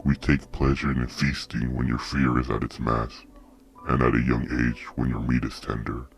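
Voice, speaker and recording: A man voicing an ancient, menacing demon creature with a deep, demonic, distant-sounding voice and slow, threatening delivery. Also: level tone, soft background music.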